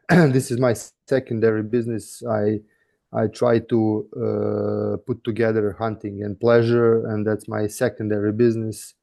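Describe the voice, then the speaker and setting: A man from Serbia with a Serbian accent, answering interview questions hesitantly over a video call, pausing often. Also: fairly low pitch, level tone, creaky, warm tone. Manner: hesitant, many pauses and fillers. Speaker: guest, hunting outfitter.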